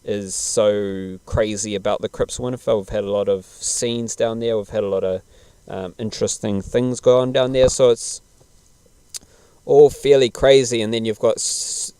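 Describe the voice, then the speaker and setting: A man's voice: lowish voice, steady tone, moderate pace, dark tone, clean tone, no echo. A man chatting casually as a podcast host, laid-back, slangy and rambling. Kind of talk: casual podcast chat about television.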